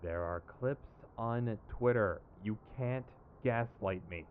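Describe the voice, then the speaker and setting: In a tinny, narrow recording with clear background noise, a man with a fairly low, slow voice acts in an ASMR roleplay. He plays an exasperated yet principled, protective villain, sounding sardonic, emphatic, and conversational. The mood is exasperated and casual.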